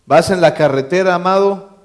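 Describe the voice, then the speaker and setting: Joking pastor, raised pitch. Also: male voice, normal speed. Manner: emphatic, repeats key phrases, quizzes the congregation, joking asides. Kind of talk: sermon. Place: church.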